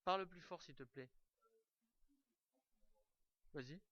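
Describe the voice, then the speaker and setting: This man speaks slowly in a slightly high, somewhat bright voice while teaching an online class on a video call through his computer mic. He is informal, with frequent fillers and restarts, and the lo-fi recording has no room sound.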